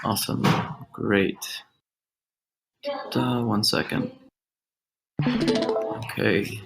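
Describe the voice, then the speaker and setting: A man from Guatemala giving a prepared grant pitch on a video call, listing his points steadily with a few fillers. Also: steady tone, extremely slow, creaky, over music, rough recording. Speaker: grant finalist presenting.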